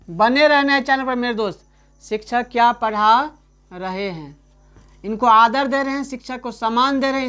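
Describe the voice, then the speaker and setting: A man teaching a grammar lesson in a chatty way, keeps asking "right?", calls the listener his friend, and repeats example sentences slowly. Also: very high-pitched, a bit bright, smooth.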